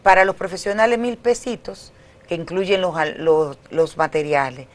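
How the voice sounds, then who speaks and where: A woman's voice: lowish voice, moderate pace. A middle-aged woman with a Dominican Caribbean Spanish accent, explaining things as an academic guest in a conversational interview.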